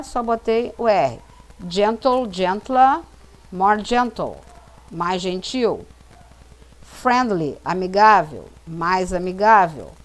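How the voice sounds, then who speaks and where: A woman teaching English grammar to students, explaining each rule step by step, spelling out letters and repeating every example sentence. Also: medium pitch. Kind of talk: slow classroom explanation.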